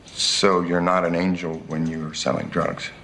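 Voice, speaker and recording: A man playing a calm official interviewer in a TV drama, questioning patiently and methodically. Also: sits low, unhurried. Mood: cool, probing. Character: calm, probing male official interviewing a suspect. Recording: clear background noise, somewhat distant.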